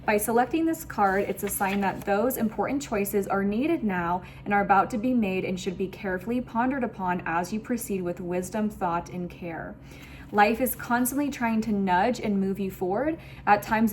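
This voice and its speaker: Her voice sits in the mid range, with slight background noise in the recording. She's a tarot reader giving viewers a spiritual reading online, effusive and emphatic, returning to the same phrases again and again.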